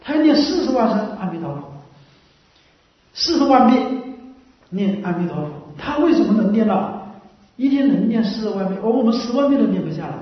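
A woman's voice: medium pitch, expressive, brisk, long pauses. A woman giving a Buddhist dharma talk who explains in a repetitive way and keeps asking listeners short rhetorical questions. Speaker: Buddhist teacher. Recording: very echoey room, mic far off, dull lo-fi sound.

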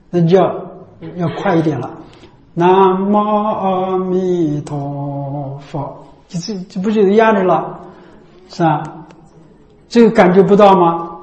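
A man's voice: sits high, darkish tone. A man teaching a group how to recite a Buddhist chant, repeating himself and demonstrating the chant as he goes. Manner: repetitive, keeps asking "know what I mean?". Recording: echoey room.

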